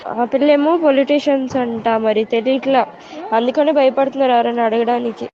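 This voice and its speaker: A young woman, a hostel student on a phone call, frightened and close to tears, pleading and rushing through anxious reports. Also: a little high, steady tone. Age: young adult. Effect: heard over a phone call. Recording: muffled phone line with faint background noise.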